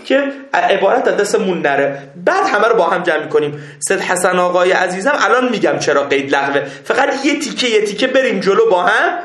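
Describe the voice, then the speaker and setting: A man teaching a seminary class, reading Arabic text slowly and explaining it step by step, often checking that his students follow. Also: high-pitched, sing-song, fairly bright tone, reverberant. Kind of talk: classroom lecture on Islamic jurisprudence.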